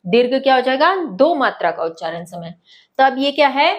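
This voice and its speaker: A woman's voice: sits high, big pitch swings, moderate pace. A woman teaching a lesson to schoolchildren, speaking patiently, repeating points and checking that they follow. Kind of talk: online lesson.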